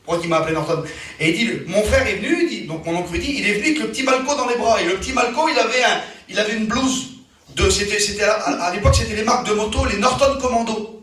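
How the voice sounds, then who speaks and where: A man with a high voice delivers a storytelling sermon, his pitch swinging up and down as he goes. He sounds distant from the microphone, and a strong echo from the hall surrounds every word. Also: fast talker. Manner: animated storytelling, voice rising and falling. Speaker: preacher. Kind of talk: testimony sermon. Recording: very echoey room, from far off.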